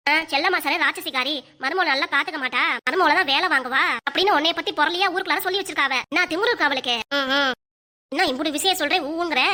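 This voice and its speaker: A woman with a Kanyakumari Tamil accent voicing every role in a village comedy cartoon, trading quick, bickering gossip. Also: high voice, bright, forceful tone.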